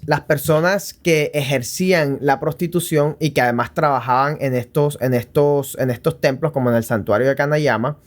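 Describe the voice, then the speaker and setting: A man with a Caribbean coastal Colombian accent co-hosting a podcast in casual, slangy chat with crude, joking humour. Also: on the high side. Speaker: podcast co-host.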